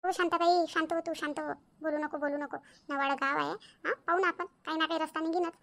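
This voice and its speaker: A woman's voice: sits high, steady tone, quick pace, a bit bright. A woman voicing an anxious, fussy village woman in a cartoon, pleading and soothing her friend. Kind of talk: cartoon voice acting.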